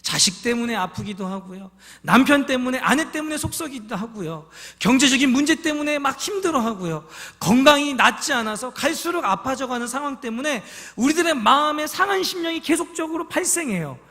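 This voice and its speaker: A man's voice: very high voice, lively intonation, brisk, few pauses, sharp tone, big-room sound. A man preaching a sermon as a pastor, telling stories with feeling and asking the congregation questions. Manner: emotional storytelling, asks the congregation questions. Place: church sanctuary.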